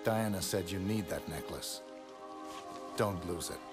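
A man's voice: deep voice, a little slow. A man playing a stern, cold hitman in a video game cutscene, speaking in clipped, serious phrases. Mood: terse, grave. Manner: clipped, flat, serious delivery. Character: stern, terse, cold-tempered male hitman. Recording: loud music and rain behind.

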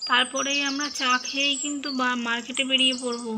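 A woman playing a busy mother in a doll storybook who talks briskly and nags. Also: high-pitched, flat delivery, noisy background. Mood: scolding. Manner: brisk, nagging, half-muttering to herself.

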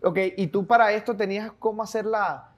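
A Venezuelan man with a notably high voice hosts a relaxed interview. He chimes in with quick remarks and casual questions. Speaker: host.

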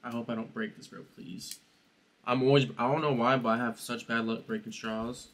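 A man's voice: mid-range voice, level tone, brisk, a bit bright. A young man vlogging casually through his day, rambling in a laid-back way and often calling his viewers "bro", recorded on a phone. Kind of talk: casual daily vlog. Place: at home, then outdoors by a river.

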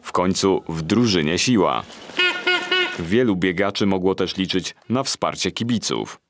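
A man reads a local news report in a steady, measured voice. His voice sits very low, and the narration is even and unhurried.

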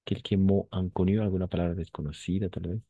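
A man's voice: low-pitched, level tone, quick pace, husky, no room sound, narrow, tinny audio. A male French teacher giving an online class, patiently repeating words and switching into Spanish to explain them.

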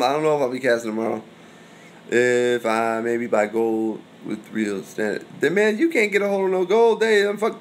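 A young man hosting a casual livestream, reading viewer comments aloud and answering in a profane, rambling way, swinging between loud and mumbled. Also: mid-range voice, slight background noise. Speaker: livestream host.

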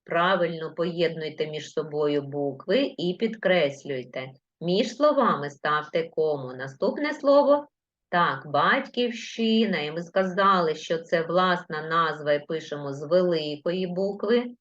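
A woman teaching primary school children in a live online lesson, patiently dictating words slowly letter by letter. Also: low-pitched, animated. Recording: lo-fi livestream audio.

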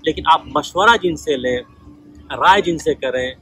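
Man, husky, bright tone, casual storytelling. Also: fairly high pitch, expressive, a little slow, poor audio. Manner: conversational, retells dialogues in quoted voices. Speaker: vlogger sharing life lessons.

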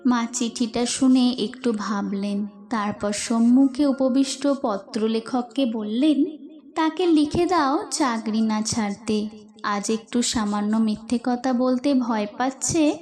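A woman reading devotional stories aloud in a slow, earnest, emphatic way. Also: a little high, darkish tone. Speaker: devotional reader. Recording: faint music behind.

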